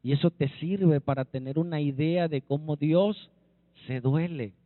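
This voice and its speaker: A man with a Mexican accent preaching a sermon as pastor, emphatic, often checking in with the congregation, and swinging between forceful lines and soft, dropped phrases. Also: fairly high pitch, measured pace, no room sound. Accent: Mexican Spanish. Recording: dry, narrow phone-like sound.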